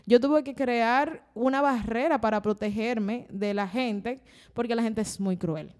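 A young Dominican woman talking openly on a faith podcast, animated and often laughing, slowing down when she turns reflective. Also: on the high side. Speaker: podcast guest. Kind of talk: casual faith-based podcast chat.

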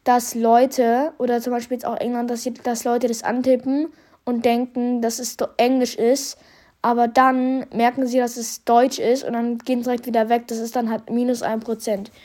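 Speaking at a moderate pace with little pitch movement, a young host offers casual year-in-review commentary and reads statistics in youthful slang. His mid-range voice is a little mellow, and a slight head cold makes it congested and stuffy.

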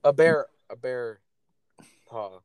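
A young man co-hosting a podcast in casual, profane banter, quick-tempered and sarcastic, snapping at his friend. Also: medium pitch, darkish tone. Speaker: podcast co-host.

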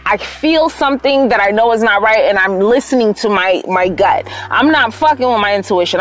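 Candid, profane young woman telling stories. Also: medium pitch. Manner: candid, profane, animated retelling. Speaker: podcast host. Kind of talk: casual storytelling monologue.

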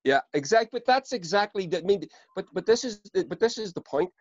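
A Northern Irish man with a high, animated voice talks politics in casual chat, speaking fairly quickly and swearing freely. When he gets worked up he trips over repeated words. The sound is close and dry with no echo, a little dull on top.

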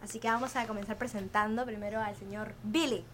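A woman hosting a casual podcast chat in an informal, excitable way, with a squeaky, squirrel-like voice. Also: fast. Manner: informal, excitable, laughs often. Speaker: podcast host. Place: outdoor home terrace. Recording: noisy outdoor terrace ambience.

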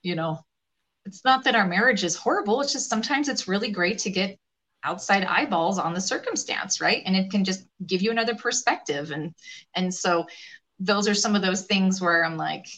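A woman leadership coach in a podcast interview, talking in a lively way and acting out what other people say. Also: mid-range voice, moderate pace. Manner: animated, acts out quoted voices.

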